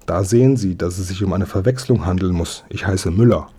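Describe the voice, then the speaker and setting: A man's voice: sits low, brisk, dark tone, breathy edge. A man playing a glib, polite thief. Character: smooth-talking adult male thief in a stiff hat.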